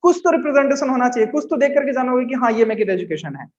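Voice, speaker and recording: A man teaching physics to students, coaxing them along and slowly repeating key terms. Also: very high voice, sing-song. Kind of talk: classroom lecture to students. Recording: echoey room, dull lo-fi sound.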